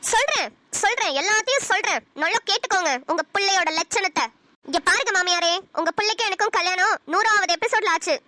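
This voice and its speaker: A woman voicing a fiery, sharp-tongued young wife in a cartoon, scolding in a rapid-fire stream. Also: very high-pitched, no room sound. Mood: ranting. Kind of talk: cartoon voice acting.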